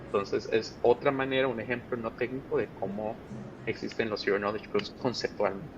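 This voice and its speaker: Interviewed on a video call, this Costa Rican project manager talks at a normal speed with fairly even intonation and a Costa Rican accent. He lays out ideas one step at a time with plain examples, over muffled audio carrying a faint rumble.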